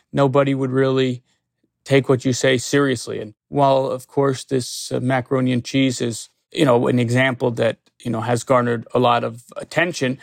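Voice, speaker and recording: A man, a lawyer, answering interview questions in a measured, hesitant way with many fillers and restarts. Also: medium pitch, vocal fry, dry recording. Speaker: consumer protection lawyer.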